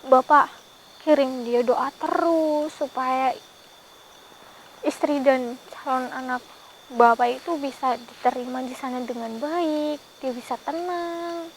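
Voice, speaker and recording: A woman investigating the paranormal, who pleads gently and keeps addressing the man she is talking to with a polite title. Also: high voice, steady tone, slow, slight background noise, low-quality recording. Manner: gently pleading, repeats "Pak" often. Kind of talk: vlog. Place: outdoors in a forest at night.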